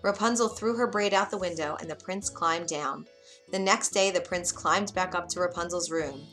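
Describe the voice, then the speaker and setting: A woman narrating a fairy tale aloud in a clear, measured storybook reading. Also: on the low side, a bit bright, soft background music.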